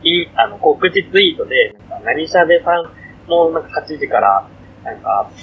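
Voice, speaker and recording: Rambling young man, lively pitch. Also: moderate pace, creaky, phone-quality sound, slight background noise. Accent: Kansai. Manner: rambling, self-deprecating, slips into Kansai dialect. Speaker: podcast co-host. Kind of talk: casual chat on a livestream.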